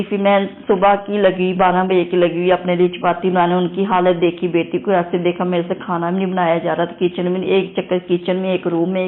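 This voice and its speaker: A woman telling a devotional testimony in an earnest, repetitive way, often turning to address the congregation. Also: on the low side. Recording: tinny phone-quality recording.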